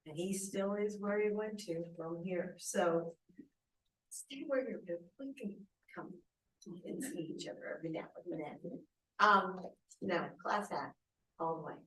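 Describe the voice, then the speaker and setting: A woman speaking as a council member at a public meeting, halting often and searching for her words. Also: on the low side, fairly bright tone. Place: council chamber. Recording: echoey hall, far from mic.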